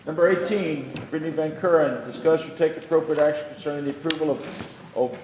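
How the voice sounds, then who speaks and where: A man's voice: on the high side, brisk, a little mellow. A man formally chairing a public meeting, reading agenda items in a procedural way. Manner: procedural, formulaic. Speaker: county judge chairing a meeting. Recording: echoey hall, long reverb, faint noise.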